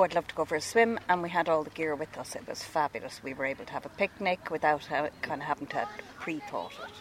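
A woman from Wicklow with an Irish accent, chatting casually as an interviewed holidaymaker. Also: low-pitched. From Wicklow, Ireland. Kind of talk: casual chat. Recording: faint outdoor background noise.

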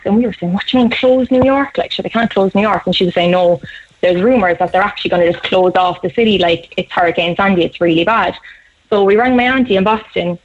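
A young woman in her twenties with a Cork Irish accent, telling a story quickly and animatedly on a radio show, often laughing. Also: mid-range voice, a little hiss or hum. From Cork, Ireland. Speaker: guest storyteller. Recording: slightly dull radio sound.

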